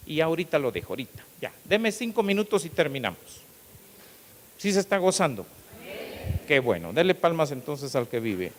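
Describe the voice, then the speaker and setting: A middle-aged man, a pastor, preaching an animated sermon and acting out the people in his stories. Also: a little high, moderate pace. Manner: animated storytelling, acting out quotes, rising to loud emphasis. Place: church hall. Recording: long hall reverb with faint hiss.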